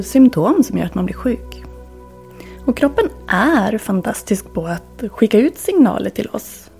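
A woman hosting a wellness podcast, talking in a calm, reflective, instructive way that sometimes drops to near-whispers. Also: lowish voice, gravelly. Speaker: podcast host and wellness coach.

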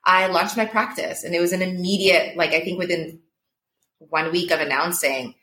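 A woman's voice: lowish voice, steady tone, moderate pace, pushed and bright, reverberant. A woman who works as a coach, talking casually and reflectively, often laughing and filling with "like". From Portugal. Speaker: coach, interview guest. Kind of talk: casual conversation.

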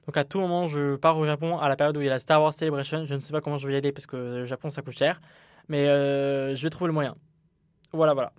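A man's voice: on the high side, steady tone, quick pace, clear, resonant tone, no room sound, clean studio sound. A young man hosting his own solo podcast, talking candidly and rambling with frequent restarts. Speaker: podcast host.

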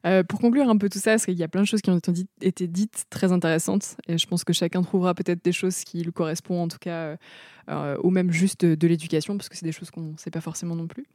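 Low, mellow-voiced woman podcast host. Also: fast talker, no room sound, clean studio sound. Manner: relaxed, hesitant with fillers when asking. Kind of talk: casual interview.

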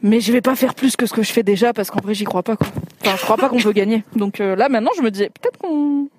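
A woman's voice: fairly high pitch, quick pace, noisy background. A woman co-hosting a live podcast, talking in a rambling, slangy way with many restarts. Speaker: podcast co-host. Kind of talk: casual chat.

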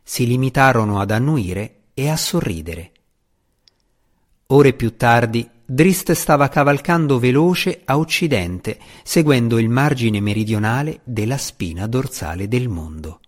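Guy reading a fantasy audiobook, super lively intonation, dramatic storyteller vibe. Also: medium pitch, a little slow. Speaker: audiobook narrator. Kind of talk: scripted audiobook narration.

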